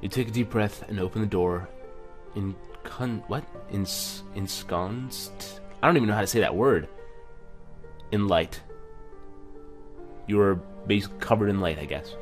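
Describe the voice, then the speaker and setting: Reading game text aloud for his let's play, a man with a lowish voice talks a little slowly and reacts casually. He regularly stumbles and backtracks to correct himself while music plays underneath.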